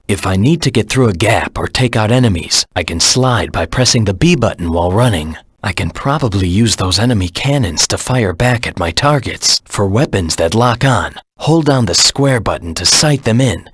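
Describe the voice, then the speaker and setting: Husky, brooding Shadow the Hedgehog. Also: male voice, fairly bright tone, dry recording, clean studio sound. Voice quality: low, husky rasp. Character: brooding male anthropomorphic hedgehog antihero, cool and serious. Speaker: video game character. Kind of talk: scripted game tutorial voice acting.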